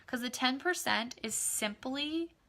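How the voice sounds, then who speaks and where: Bright, excitable woman on a live stream. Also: sits high, unhurried. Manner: excited, gushing, many fillers. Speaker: online class facilitator. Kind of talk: casual live video talk.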